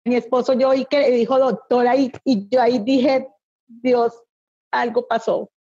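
A middle-aged woman tells a painful story with anguish in her voice. Her voice is high and husky. The recording sounds somewhat dull. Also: little pitch movement, unhurried, mellow. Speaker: interviewee. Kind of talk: personal testimony.

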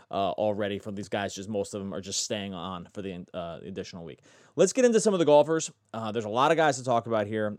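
Low-voiced podcast host, dry sound. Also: male voice, a little mellow, no echo. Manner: chatty, self-correcting, asks guest questions. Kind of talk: casual podcast talk.

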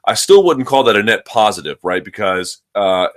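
A man's voice: fairly low pitch, animated, moderate pace. A man giving casual, opinionated sports commentary as a talk host, often repeating and restarting his words and phrases.

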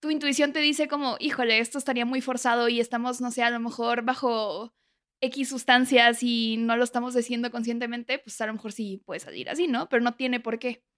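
Podcast co-host, Mexican woman with a high voice, easygoing and colloquial, laughs often. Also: steady tone, a little fast, fairly bright tone. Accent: Mexican Spanish. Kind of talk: casual conversation.

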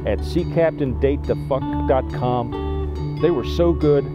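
An actor playing a rambling, folksy sea captain in a promo testimonial clip, with music under him. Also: male voice, medium pitch, a little slow, muffled recording, lightly acted. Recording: clip with loud music bed.

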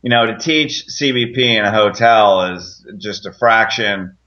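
A man's voice: fairly low pitch, a little slow, pushed and bright. A man in casual conversational talk on a lo-fi recording. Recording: dull, lo-fi line.

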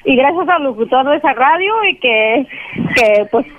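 A woman's voice: high-pitched, lively intonation, moderate pace, narrow, tinny audio. A woman calling in to a radio show to send an earnest birthday dedication. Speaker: radio caller. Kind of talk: on-air dedication message.

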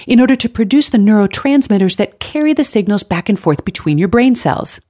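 A woman's voice: mid-range voice, warm tone. A woman hosting an advice podcast, reading scripted tips in an upbeat, tidy, organized way. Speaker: podcast host giving nutrition advice.

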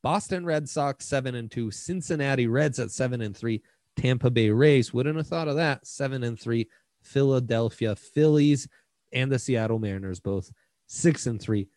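A man's voice: mid-range voice, moderate pace, darkish tone, no echo, studio quality. A man co-hosting a sports betting show, giving casual commentary and running through the numbers.

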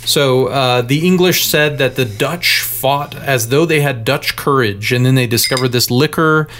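Male podcast co-host, mid pitch, relaxed explainer, casual chat. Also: unhurried. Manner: explanatory, joking, enthusiastic about drinks.

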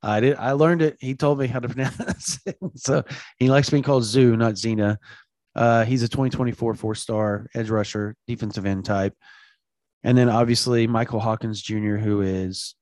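Animated man chatting about recruiting. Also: medium pitch, moderate pace, no room sound. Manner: animated, rambling, repeats himself for emphasis. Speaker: college football recruiting reporter. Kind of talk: sports talk, casual chat.

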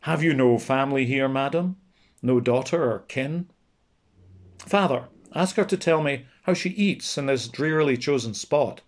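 A man reading an audiobook, voicing a courteous, curious young prince in a gentle, formal manner. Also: mid-range voice, a little slow, natural voice.

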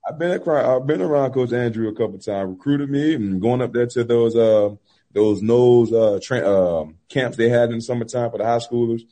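Male sports co-host, easygoing, mid-pitched, husky tone. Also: moderate pace, mellow. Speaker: podcast co-host. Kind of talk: casual sports chat.

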